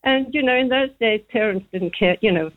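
A woman's voice: fairly high pitch, fairly quick. A woman in her seventies from Zambia, calling in to a radio show and telling a childhood memory with frequent laughter. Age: 70s. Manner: chatty, laughing often, rambling memories. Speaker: caller. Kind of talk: phone-in chat. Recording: tinny phone line.

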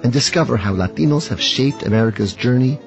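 A man's voice: mid-range voice, animated, fairly quick, muffled recording, faint music behind. A man reading a scripted public-service announcement as a commercial announcer.

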